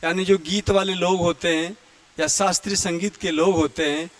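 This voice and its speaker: A man teaching Hindi grammar in a lecture, who often clears his throat and sings out vowels to show how they sound. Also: sits high, steady tone, no room sound. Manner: explains slowly, chants vowels and Sanskrit verse to demonstrate. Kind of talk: classroom lecture.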